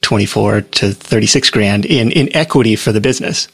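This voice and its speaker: A man speaking as a guest in a casual interview, telling his story in a relaxed, rambling way with plenty of fillers. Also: fairly low pitch, fairly quick, vocal fry, breathy edge, no room sound, clean studio sound.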